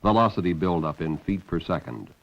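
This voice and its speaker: A man delivers scripted documentary narration in a fairly deep voice. The soundtrack is slightly muffled, like an old film. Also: animated, brisk, gravelly. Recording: dull band-limited old film soundtrack.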